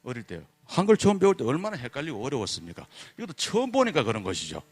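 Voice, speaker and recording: A man's voice: mid-range voice, huge pitch swings, rapid-fire, slightly rough. A man giving a public lecture, asking the audience rhetorical questions and sounding out letters to demonstrate them. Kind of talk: public lecture on Korean script.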